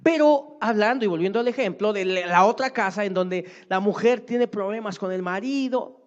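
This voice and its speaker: A man's voice: high-pitched, normal speed. A man preaching a sermon as pastor, emphatic and often checking with the congregation through short tag questions. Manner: emphatic, seeks agreement with repeated tag questions. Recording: muffled lo-fi recording.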